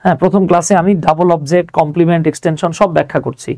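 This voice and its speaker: A man with a Bangladeshi accent teaches grammar informally and conversationally, working step by step and checking on learners with rhetorical questions as he explains. His voice is fairly high yet gravelly and darkish, steady in tone, racing in pace, with no echo.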